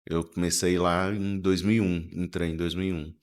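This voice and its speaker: A lawyer in his forties, born in Venezuela and raised in inland Minas Gerais, Brazil, tells family stories as a guest in a casual interview. His voice sits low with little pitch movement at a normal speed, and his manner is easygoing and humorous.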